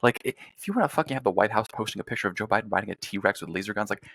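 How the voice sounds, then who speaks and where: A man's voice: fairly low pitch, expressive, racing, creaky, a bit bright, dry recording. A young man, a former congressional staffer, talking politics as a podcast guest in a blunt, profane, rambling way. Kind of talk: casual political chat.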